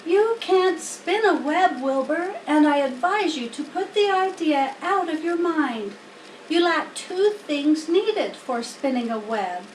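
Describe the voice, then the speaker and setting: Woman voicing a brisk, wise, high-pitched lady spider. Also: expressive. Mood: matter-of-fact. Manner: matter-of-fact, instructive. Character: wise, brisk, plain-spoken female spider. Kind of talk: children's storybook character reading. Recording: roomy, distant mic, faint noise.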